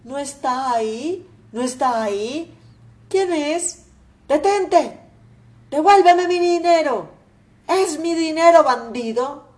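A woman's voice: medium pitch, slow pace, a little mellow, close to an everyday voice. A woman voicing an old miserly father who rages and wails over his lost money, in shrieking, desperate outbursts. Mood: frantic.

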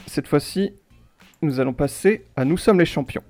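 A man running a casual quiz show for his friends. He talks in a chatty, loose way, restating the rules more than once and reading out lyrics in a deliberately flat voice. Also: on the high side, soft background music. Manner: chatty, repeats himself, reads lyrics flatly. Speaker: quiz host.

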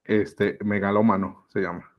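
A man's voice: on the low side, level tone, unhurried, dull audio. A man from Mexico City with a Mexican accent, a podcast guest who talks in a reflective, hesitant way with many fillers. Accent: Mexican Spanish. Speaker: podcast guest, business mentor. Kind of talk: casual conversation.

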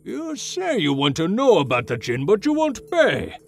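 A man voicing a pushy old male shopkeeper who wheedles, whispers and booms, with faint music behind. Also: slow, exaggerated voice. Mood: furious. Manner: whispering then booming, high and animated.

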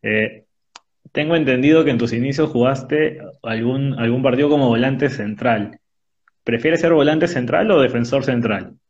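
A man's voice: mid-range voice, darkish tone. Man interviewing over a choppy call. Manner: brief, direct questions with filler pauses. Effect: choppy, dull sound over a weak online call connection. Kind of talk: rapid-fire question round over a video call. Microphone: remote call audio. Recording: dull lo-fi call audio.

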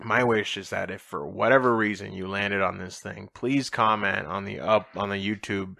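A man's voice: lowish voice, steady tone, moderate pace, gravelly, sharp tone, no echo. A man in his thirties hosting a casual home podcast from a small den, laid-back, joking and swearing freely, a bit tired. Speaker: podcast host. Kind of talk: casual chat.

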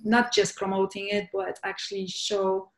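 A woman from Poland speaks as a guest in a casual interview, searching for her words with frequent fillers and restarts. Her voice sits at a middle pitch and rings in a noticeably echoey room. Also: level tone, normal speed.

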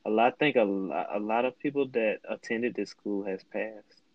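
A tired young man co-hosting a casual late-night chat, easygoing and quick to agree. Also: lowish voice, no echo, highs cut off. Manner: easygoing, agreeable, chimes in often. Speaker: co-host.

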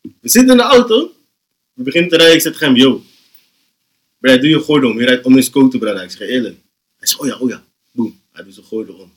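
A young man, telling an animated, slang-heavy story on a casual podcast and often laughing. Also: mid-range voice, fast, pauses often. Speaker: podcast host.

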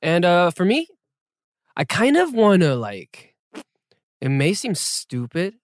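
A young man hosting a podcast in a playful, lively way, reading listener questions and chatting casually. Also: high voice, slow pace, no room sound, studio quality. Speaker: podcast host.

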